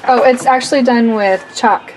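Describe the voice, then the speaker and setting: Chatty high-voiced vlogging mom. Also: female voice, moderate pace, faint music behind. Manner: chatty, teasing, laughs often. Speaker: mother of a large foster family. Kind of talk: casual family vlog. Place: busy family home, indoors. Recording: noisy house full of children.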